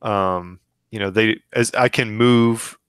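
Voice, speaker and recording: A man in his thirties on a gaming podcast, talking casually with frequent pauses, restarts and fillers. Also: on the low side, smooth, no echo. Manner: hesitant, many restarts and fillers, relaxed. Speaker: podcast co-host.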